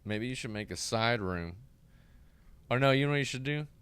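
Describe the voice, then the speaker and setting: Lively-voiced middle-aged man. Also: mid-range voice, normal speed, clear, resonant tone. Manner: storytelling with animated quoted voices. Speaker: podcast co-host. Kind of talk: casual chat.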